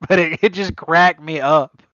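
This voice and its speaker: A man's voice: on the high side, unhurried, fairly bright tone, no room sound. A man co-hosting a trading card game podcast, telling stories in casual chat and laughing at his own mishaps. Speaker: podcast co-host. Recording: muffled lo-fi audio.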